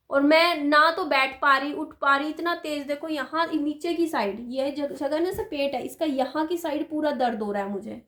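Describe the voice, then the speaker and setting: A woman's voice: high voice, a bit bright. A woman vlogger talking casually and confidingly to her viewers. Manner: chatty, confiding, rambling. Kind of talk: casual vlog talk to viewers.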